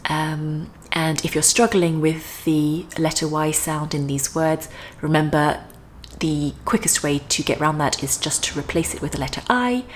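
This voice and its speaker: A woman teaching English pronunciation in a careful, deliberate way, with frequent ums. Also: deep voice, a little hiss or hum. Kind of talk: slow, careful pronunciation lesson.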